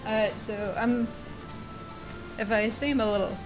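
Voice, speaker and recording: In this low-quality recording, a woman with a fairly high voice takes her time and keeps a steady tone. She gives relaxed, self-deprecating commentary on the game she is playing and talks to its characters, with game music running behind her.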